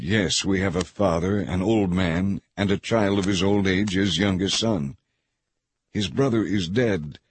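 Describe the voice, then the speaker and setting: A man's voice: deep voice, husky. A man doing a desperate pleading brother.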